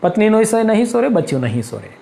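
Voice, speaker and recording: A man's voice: high-pitched, big pitch swings, fast, creaky, mellow. A male pastor preaching a fervent sermon in a church, breaking in with hallelujah again and again. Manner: fervent, repeats hallelujah constantly.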